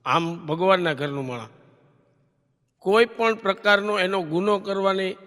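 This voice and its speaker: A high, bright-voiced man tells comic stories from a stage, his voice ringing through a reverberant hall. He is animated and keeps turning the punchline back to the audience as a question. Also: a little slow. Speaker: stage comedian. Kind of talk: comic storytelling to a live audience.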